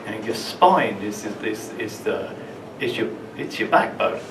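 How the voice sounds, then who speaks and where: A man telling a personal story at an open mic, halting and often repeating words as he goes. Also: lowish voice, lively intonation. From London, England. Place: small open mic venue in a room. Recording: roomy, distant, with room ambience noise.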